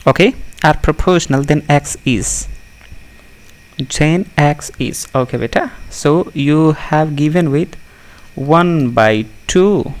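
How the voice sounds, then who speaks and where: Male Indian maths tutor, native Hindi speaker, fairly high voice with heavy fry, informal question-and-answer delivery. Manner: addresses students familiarly, asks and answers own questions. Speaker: maths teacher. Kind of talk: informal exam lesson switching between two languages.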